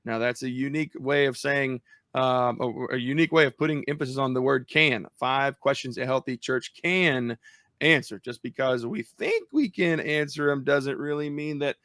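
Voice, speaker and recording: A man's voice: medium pitch, moderate pace, a bit bright, no echo, clean studio sound. A man hosting a church podcast, chatting casually and with enthusiasm. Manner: laid-back, chatty, enthusiastic about food. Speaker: podcast host.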